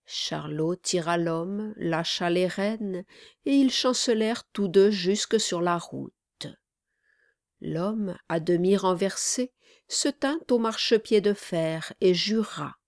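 A woman reading a story aloud as an audiobook narrator, in a measured, unhurried way. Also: fairly low pitch, a little mellow, no room sound, clean studio sound. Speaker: audiobook reader. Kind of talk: scripted narration.

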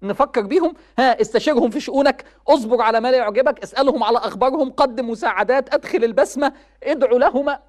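Young Egyptian woman preacher, fast, animated, high-pitched, urgent and pleading delivery. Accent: Egyptian Arabic. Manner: impassioned, pleading, addresses the youth directly. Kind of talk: religious talk.

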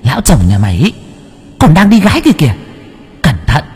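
A husky, high voice scolds and commands: a man acting out a possessed spirit medium in an audiobook. The medium is stern and mocking. The pitch swings widely and rings with long reverb. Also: sing-song, normal speed, mellow, exaggerated voice. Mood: stern scolding. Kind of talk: audiobook character voice.

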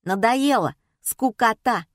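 A woman's voice: on the high side, expressive, takes it slowly, no echo, clean studio sound, voice pushed up. A woman reading an audiobook and voicing a rude, bored teenage girl who whines and talks back. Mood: whining. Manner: whiny, defiant.

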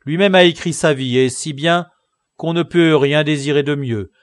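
A man's voice: medium pitch, sing-song, measured pace, mellow, breathy edge, dry recording, clean studio sound. A man voicing a stern, scornful male guard who scolds prisoners. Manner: barking, scolding.

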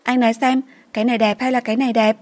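A woman voicing a pampered young wife in a storybook, with a quick, lazy, coaxing manner. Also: a little high, fairly even intonation, pitched above the performer's own voice, close to an everyday voice. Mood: playful.

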